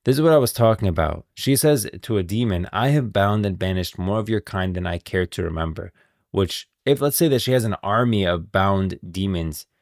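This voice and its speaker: In relaxed live stream commentary, a man with a very low, creaky voice thinks out loud and muses about game lore at a normal speed. It's recorded close and dry, with no room sound.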